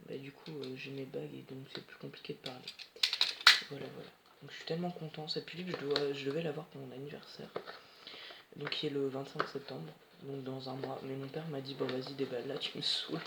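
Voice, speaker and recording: A teenager chatting excitedly and rambling while unboxing, swearing often, filmed on a phone at home. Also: mid-range voice, vocal fry, very noisy. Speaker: doll collector vlogger. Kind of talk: casual unboxing chat. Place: at home, indoors. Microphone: phone camera. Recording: echoey room with loud plastic rustling. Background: crinkling bubble wrap and plastic.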